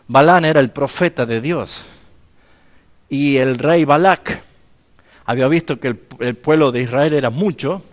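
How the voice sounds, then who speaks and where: A man's voice: medium pitch, a little slow, pauses often, big-room sound. A man with an Argentine accent, a pastor teaching a seminary class in sermon style, retelling Bible stories with acted-out dialogue and questions to his listeners. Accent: Argentine Spanish. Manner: storytelling, acting out dialogue, asks the audience questions.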